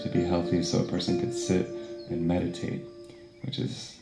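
A man leading a yoga and meditation session, giving calm, unhurried instructions and chanting mantra syllables. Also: low-pitched, vocal fry, echoey room, over loud music.

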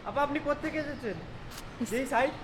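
A woman's voice: sits high, a little fast, reverberant, a crowd in the background. A woman with a Bangladeshi accent in casual, joking chat. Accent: Bangladeshi Bengali. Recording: very noisy outdoor setting.

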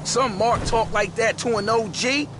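A man's voice: extremely high pitch, measured pace, noisy background. An actor playing an older male gang veteran fresh out of prison in a video game, lecturing and domineering.

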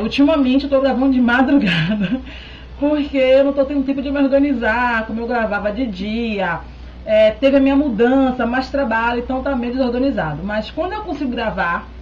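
Speaking into a webcam held close in a small room at home, this woman in her thirties, a beauty vlogger, chats casually to camera while answering viewer questions and keeping in touch with her audience. She has a high voice and a chatty manner, often checking in with "tá?". The recording has its highs cut off and carries a little hiss or hum.

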